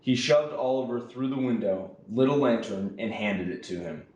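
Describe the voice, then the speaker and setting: A young man, a college student, reading a children's storybook aloud with expressive delivery. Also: medium pitch, normal speed, highs cut off. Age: young adult. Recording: roomy echo.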